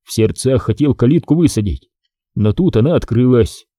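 Male audiobook reader, dark tone, dry close sound, lively delivery. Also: mid-range voice, normal speed, no echo. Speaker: audiobook narrator. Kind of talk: scripted narration of a historical novel.

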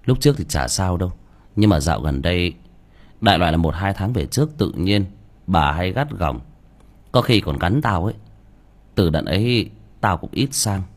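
A man's voice: low-pitched, very animated, moderate pace, long pauses, pitched below the performer's own voice, heavily acted. A man voicing a blunt, crude-talking young village cowherd. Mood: hushed uneasy.

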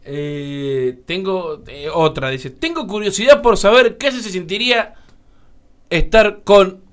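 A man's voice: high voice, takes it slowly, a bit bright. A man with a Rioplatense accent, reading listener questions aloud and joking in a casual talk show. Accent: Rioplatense Spanish. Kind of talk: casual radio chat.

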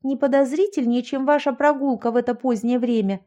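A woman's voice: high voice, fairly quick, highs cut off, pitched above the performer's own voice, close to an everyday voice. Woman putting on a brash young woman. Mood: defiant. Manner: brash, excitable, cheeky. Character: lively bold young woman friend.

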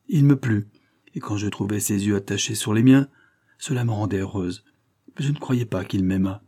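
A man's voice: mid-range voice, warm tone, slightly rough, lightly acted. A man reading aloud voices a young woman, a loving but defiant daughter, pleading emotionally in a raised voice.

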